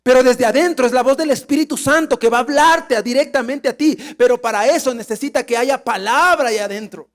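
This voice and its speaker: A male pastor preaching a sermon, emphatic and animated, often asking the congregation rhetorical questions. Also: very high voice, brisk, few pauses.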